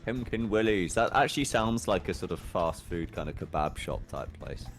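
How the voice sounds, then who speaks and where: Male co-host, very low voice, dry rambling banter over game music. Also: expressive, moderate pace. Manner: dry, rambling, self-deprecating. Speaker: podcast co-host. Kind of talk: casual chat while playing a party game.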